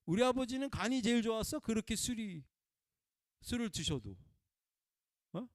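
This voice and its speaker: A man preaching a conversational sermon in a folksy way, prompting listeners with "eh?" and swinging between loud emphatic bursts and quiet murmurs. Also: extremely high pitch, expressive, moderate pace, no echo, clean studio sound. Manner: folksy, peppers talk with prompting "eh?" to the congregation.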